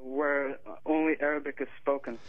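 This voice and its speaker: A man's voice: on the high side, little pitch movement, normal speed, no room sound. A man from Morocco, an author and Arabic teacher, calling in to a radio interview, articulate with hesitant fillers. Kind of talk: radio interview over the phone. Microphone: telephone. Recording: tinny phone line.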